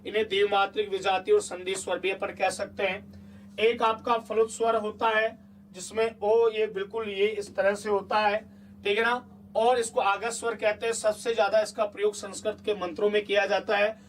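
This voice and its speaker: High-voiced man teaching a coaxing lesson. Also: flat delivery, normal speed, recorded from a distance, a little hiss or hum. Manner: chatty, coaxing, asks the class repeated check questions. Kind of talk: exam-prep lesson.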